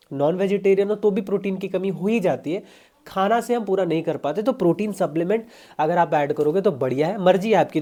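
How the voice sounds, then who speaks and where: A man's voice: a little high, dark tone. A young man, a fitness coach giving casual, chatty diet advice straight to his viewers. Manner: chatty, pushy, addresses viewers as brother.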